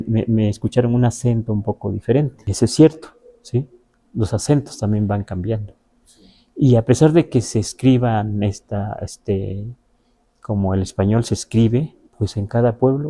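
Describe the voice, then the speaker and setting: A man's voice: lowish voice, dark tone. A man with a Mexican Spanish accent whose first language is Nahuatl, teaching in a patient, conversational way and checking in with his listeners. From Huasteca region of Veracruz, Mexico. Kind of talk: explanatory question-and-answer lesson.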